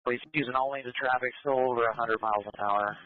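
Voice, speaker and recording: A man's voice: mid-range voice, fairly even intonation, quick pace. Man talking over a police radio. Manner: terse and matter-of-fact, using radio codes. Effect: heard over a police radio. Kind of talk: clipped radio traffic. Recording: tinny scanner radio with faint static.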